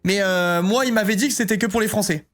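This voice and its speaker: A man's voice: high-pitched, fast talker, a bit bright. Male streamer, rambling casual chat, reads chat aloud, jokey, faint music behind.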